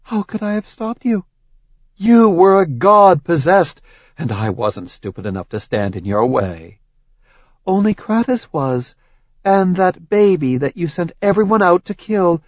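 A man's voice: sits high, sing-song, unhurried, dry recording, pitched above the performer's own voice. A man voicing a proud, scheming goddess queen who needles her husband relentlessly, in an audiobook with a slightly dull, dry recording. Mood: taunting. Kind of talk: audiobook character voice.

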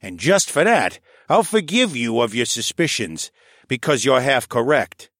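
A man voicing a shrewd, crafty old male koala archivist who talks in a knowing, animated way. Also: medium pitch, unhurried, no echo. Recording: dry close studio sound.

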